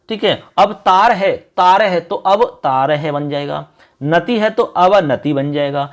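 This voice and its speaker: A man teaching an exam-prep lesson who explains step by step, repeats key terms, and keeps pointing things out to the students. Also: high voice. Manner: repetitive, explanatory, often says "look".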